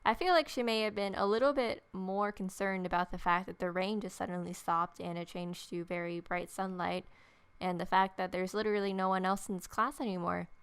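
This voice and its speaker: With faint game music in the background, a woman hosting a casual let's-play reads on-screen text and adds dry, sardonic comments. Her lowish voice is clean and fairly even, moving a little fast.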